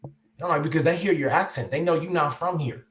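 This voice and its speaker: A Californian man talks in a relaxed, storytelling way, with street slang sprinkled through his chat. His voice sits a little high for a man. The room around him rings with noticeable echo. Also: fast. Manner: laid-back, storytelling with slang and mimicry. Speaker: co-host. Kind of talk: casual podcast chat. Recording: roomy echo.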